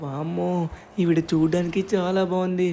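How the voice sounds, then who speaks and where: A man narrating and voicing the lead in a game role-play story, brisk and reassuring. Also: sits high, flat delivery, vocal fry, warm tone. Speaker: narrator and player.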